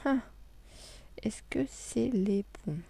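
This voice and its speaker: A woman's voice: a little high, takes it slowly, vocal fry, mellow, husky. A woman vlogger chatting casually as she shows off her scrapbooking purchases, hesitating with many fillers and sometimes dropping to a near-whisper. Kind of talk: casual show-and-tell haul.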